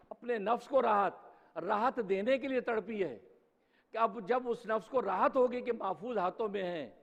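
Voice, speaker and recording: A man preaching a Friday sermon in a mosque, speaking emphatically and posing rhetorical questions. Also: high-pitched. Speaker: preacher, mufti. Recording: dull sound with long hall reverb.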